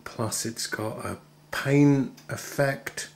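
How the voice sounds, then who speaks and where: A man's voice: medium pitch, drawn-out words, creaky. A man in his thirties with an English accent, chatting cheekily to camera in a casual vlog. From England. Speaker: vlogger. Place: inside a car while driving. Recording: road noise in moving car.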